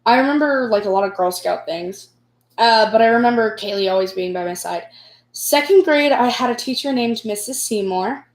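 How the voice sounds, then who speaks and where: A woman's voice: on the high side, moderate pace. A young adult woman with an American accent telling personal stories casually, in a rambling, self-deprecating, giggly way. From United States. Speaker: vlogger. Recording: echoey room.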